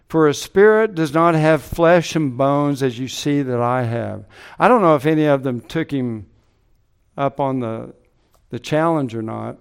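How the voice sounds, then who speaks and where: A male pastor preaching with a smooth, resonant voice at an ordinary pitch. He explains earnestly and leans on repetition to drive each point home. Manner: earnest, explanatory, repeats words and phrases for emphasis. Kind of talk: sermon.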